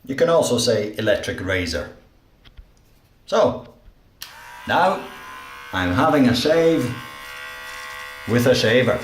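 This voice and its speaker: A man teaching English, slowly narrating everyday actions in a clear, deliberate way. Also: mid-range voice, very animated, reverberant, a little hiss or hum. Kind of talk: slow, simple narration of daily actions.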